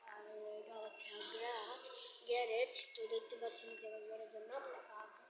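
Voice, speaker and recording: A fairly high-voiced woman gives a casual, hushed vlog tour on a handheld phone. Her voice echoes off the bare walls of a garage under a home building. Steady loud noise sits behind her words. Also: fairly quick. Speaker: student vlogger.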